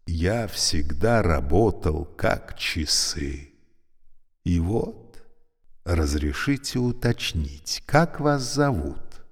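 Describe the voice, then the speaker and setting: A man voicing an old, creaky, talking elevator, speaking slowly and courteously with a weary, sorrowful politeness. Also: deep voice, expressive, long reverb tail, exaggerated voice. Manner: slow, courteous, mournful.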